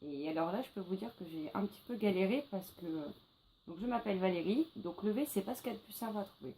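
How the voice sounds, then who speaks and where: A French woman talks casually to her viewers about her reading plans, her voice mellow and soft-edged. She chats along, pausing on fillers and correcting herself now and then, with a faint hum of room noise behind her. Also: medium pitch, creaky, poor audio. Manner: chatty, with frequent fillers and self-corrections. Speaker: book vlogger. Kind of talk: casual spoken video presentation.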